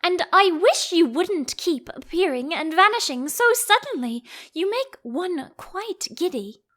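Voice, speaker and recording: A woman's voice: very high voice, expressive, a little slow, fairly bright tone, voice pushed up, full character voice. A woman voicing a curious, polite, slightly timid young girl in a storybook, earnest and questioning. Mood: mildly exasperated.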